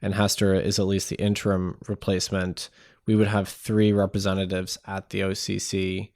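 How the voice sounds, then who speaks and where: A man hosting an interview podcast, talking in a relaxed, halting way with many fillers. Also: deep voice, no echo, clean studio sound. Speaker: podcast host.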